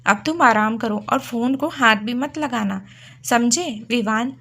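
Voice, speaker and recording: A caring young wife scolds and bosses her husband with affection in a storybook, voiced by a woman narrator. The voice sits fairly high. Her tone stays firm but tender. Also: unhurried, gravelly, fairly bright tone, full character voice. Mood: bossy.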